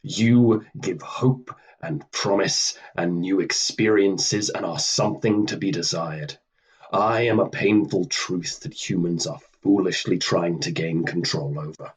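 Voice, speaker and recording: A man acting in a radio play as Death, a stern, weary immortal who speaks formally and coldly with a husky voice. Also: low voice, rough recording. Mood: stern, accusing. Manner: deliberate, formal, cold, dismissive.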